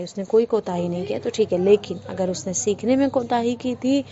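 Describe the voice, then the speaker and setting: A woman teaching an online religious lesson in a clear explanatory way, often asking a question and then answering it herself. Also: mid-range voice. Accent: Indian Urdu. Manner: explanatory, asks and answers her own questions. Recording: dull lo-fi with faint noise.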